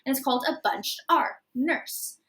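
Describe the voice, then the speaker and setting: A woman co-hosting a podcast, chatting in an animated, giggly way and explaining things eagerly. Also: on the high side, brisk. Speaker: podcast co-host. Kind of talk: casual podcast chat.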